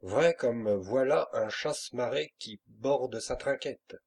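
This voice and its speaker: A man's voice: medium pitch, slow, gravelly, darkish tone, breathy edge, pitched above the performer's own voice, exaggerated voice. A man doing a dogged old-school ship's boatswain. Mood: insistent. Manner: dogged, insistent. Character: stubborn loyal male ship's boatswain. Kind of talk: audiobook character reading.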